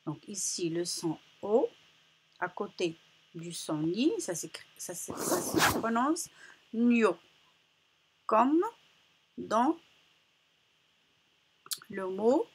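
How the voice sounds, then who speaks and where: A woman teaching young children a phonics lesson, sounding out syllables slowly and repeating each one with care. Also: mid-range voice, animated, slightly rough. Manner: slow, carefully articulated, repeats sounds for children. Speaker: primary school teacher.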